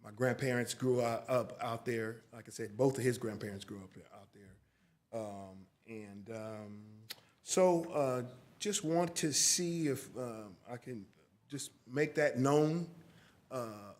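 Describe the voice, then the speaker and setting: Halting fifty-year-old man at the podium. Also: medium pitch, darkish tone. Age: 50s. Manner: halting, with many restarts. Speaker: resident addressing the council. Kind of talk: public comment at a city council meeting. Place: council chamber.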